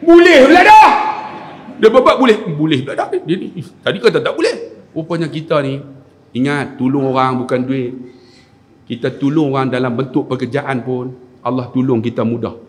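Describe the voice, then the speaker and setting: A man with a Kedah accent giving a mosque lecture, telling stories and acting out shouted scenes. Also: mid-range voice, normal speed. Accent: Kedah Malay. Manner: animated, acts out scenes with shouted voices. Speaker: religious lecturer (ustaz). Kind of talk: sermon with humorous storytelling. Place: mosque hall. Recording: echoey mosque hall.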